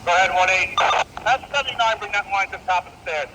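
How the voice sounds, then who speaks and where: A man's voice: high voice, fast talker. A man speaking in clipped, procedural fire department radio traffic over a two-way radio. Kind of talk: terse emergency radio dispatch traffic. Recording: very noisy fireground radio scanner audio.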